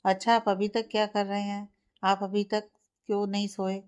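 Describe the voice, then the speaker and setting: Storybook: sharp-tongued, stubborn young student wife, read by a woman. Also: mid-range voice, flat delivery, normal speed, clean tone, natural voice. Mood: irritated. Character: stubborn, tired young woman studying for exams.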